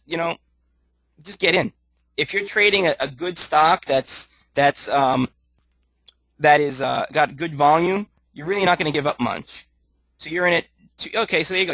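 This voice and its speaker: A man coaching live trades on his screen, thinking aloud with lots of fillers and restarts, a little hoarse as his voice starts to go. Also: a little high, sharp tone, no echo. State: losing his voice. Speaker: trading coach. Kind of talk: live screen-share trading tutorial.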